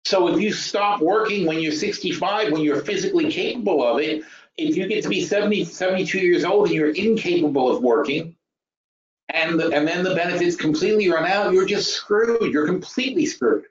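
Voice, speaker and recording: A fifty-five-year-old trading educator hosts a webinar, lecturing informally on finance in a high-pitched, brisk voice. Blunt and emphatic, he thinks aloud, repeats phrases and poses rhetorical questions, all in roomy, dull lo-fi audio.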